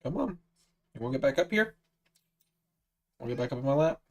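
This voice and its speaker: A man's voice: medium pitch, expressive, fairly quick, darkish tone. A man in his twenties chatting casually on a livestream, talking to his cat in a coaxing sing-song voice. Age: 20s. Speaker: streamer.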